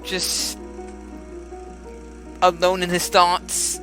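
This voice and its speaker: Chatty high-voiced young man gaming. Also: completely flat delivery, very slow, bright, forceful tone, soft background music, low-quality recording. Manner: chatty, laughs often, muses aloud. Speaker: let's play gamer. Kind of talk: casual game commentary.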